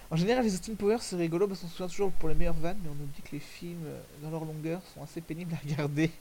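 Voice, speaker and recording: A man's voice: on the high side, fairly even intonation, quick pace, warm tone, slight background noise, rough recording. A man giving casual, rambling commentary over video clips, correcting himself often and using crude slang. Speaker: commentator reviewing fan music videos.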